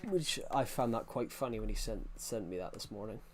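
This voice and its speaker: A man's voice: lowish voice, lively intonation, fairly quick, slight background noise. A man in his early twenties chatting casually on a game livestream, rambling and reacting to chat messages. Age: early 20s.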